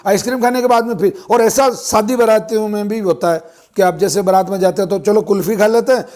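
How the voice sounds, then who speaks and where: A man giving an informal Ayurvedic health talk, explaining step by step with frequent pauses and fillers. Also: high-pitched, fairly even intonation, a little mellow. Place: ashram.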